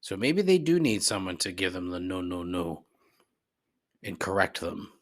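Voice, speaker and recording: He has a deep voice with big pitch swings and speaks at a normal speed. As a podcast host answering voicemails, he rambles casually through profane, conversational grumbling in response to listeners.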